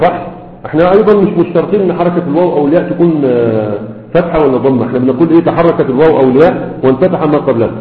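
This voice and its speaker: A man with an Egyptian accent teaching a grammar lesson to a class, explaining step by step and asking and answering his own questions. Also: mid-range voice. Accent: Egyptian Arabic. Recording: echoey hall over tinny phone-like sound.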